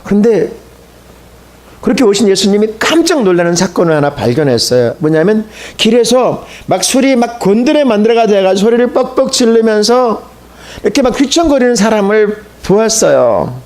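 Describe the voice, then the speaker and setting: A man's voice: high-pitched, sing-song, moderate pace, a little mellow. A man pastor preaching a sermon, telling a story in a colloquial way and addressing the congregation.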